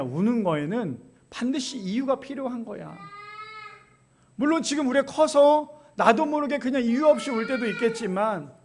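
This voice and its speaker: A man in his thirties, a pastor, preaching an earnest, emphatic sermon in a church and weaving in stories from his family life. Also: very high-pitched. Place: church sanctuary.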